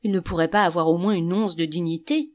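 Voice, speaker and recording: A woman's voice: lowish voice, fairly quick, lightly acted. A woman reading an audiobook, voicing a grumbling, scornful middle-aged male canvasser with an indignant, sneering manner.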